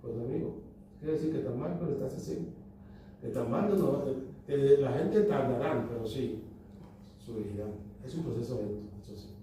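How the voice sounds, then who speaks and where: A man from Equatorial Guinea answers questions at a book talk as a relaxed storyteller who acts out the dialogue in his anecdotes. His voice sits in a middle pitch and comes from a distance. It echoes heavily around a large hall, with clear background noise. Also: normal speed. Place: lecture hall at a cultural society.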